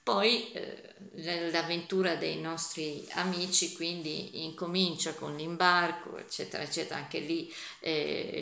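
A woman's voice: low-pitched, vocal fry, bright, forceful tone. A woman reviewing a book, reading a passage aloud expressively and then chatting with casual hesitations. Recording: echoey room.

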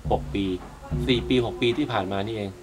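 A man in his thirties films a travel vlog outdoors at a cave entrance on a cliff, narrating in a chatty, easygoing way as he walks, picked up by a handheld camera mic. His voice is medium-pitched and a little fast, with music playing underneath.

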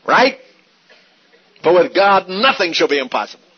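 Here a Bible teacher's husky, high-sitting male voice moves at a moderate pace through a sermon on Scripture. He stays animated, pressing points with rhetorical questions and repetition. The old recording sounds dull.

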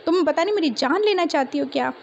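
A whiny, easily panicked young man, complaining in a high voice, as a woman narrator puts him on. Faint noise sits under the storybook reading. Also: animated, fast, creaky, highs cut off, heavily acted.

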